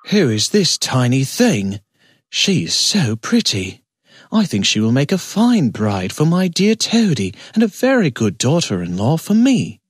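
A woman voicing a domineering, scheming mother frog in an animated storybook, with a husky, croaky voice. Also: rumbling low, measured pace, no echo, studio quality, exaggerated voice. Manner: domineering, scolding.

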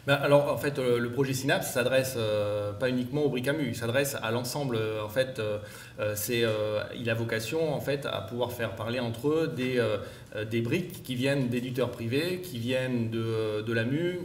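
A man speaks from some distance from the microphone in a large, echoey conference room, with a faint hum of ambience behind him. He answers questions haltingly, full of fillers and restarts, and keeps clearing his throat because his voice is troubling him. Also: medium pitch. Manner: hesitant, many fillers and restarts. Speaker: director presenting at a conference.

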